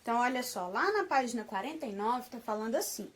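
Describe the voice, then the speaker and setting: A woman with a Brazilian Portuguese accent teaching young children a remote lesson, affectionate and patient, slowly sounding out words and checking in often. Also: on the high side, lively intonation. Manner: affectionate, slow syllable-by-syllable modeling, frequent "tá bom?". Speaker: primary school teacher.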